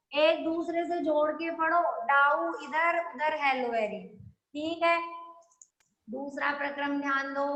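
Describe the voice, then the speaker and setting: A woman's voice: high voice, sharp tone. Female chemistry teacher, step-by-step lecture, echoey room. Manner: explains step by step, keeps asking the class if they follow. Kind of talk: classroom lecture.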